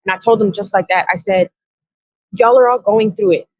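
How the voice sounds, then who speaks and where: A woman's voice: medium pitch, normal speed, darkish tone, no room sound. A woman guest on a podcast telling a personal story with blunt, earnest, profane reported dialogue. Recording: dull, dry lo-fi sound.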